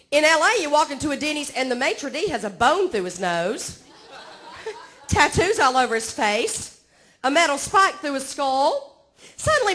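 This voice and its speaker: A high-pitched woman with a fairly bright tone, in her forties and from Georgia, speaks with a Southern accent. She's on a comedy club stage doing self-mocking stand-up and chatting with the audience.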